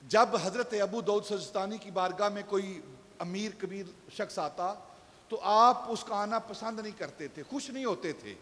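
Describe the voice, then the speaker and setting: Male preacher, high voice, long hall echo; storytelling delivery that builds to emphatic peaks. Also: a bit bright. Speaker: pastor. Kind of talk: Friday sermon. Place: shrine mosque hall.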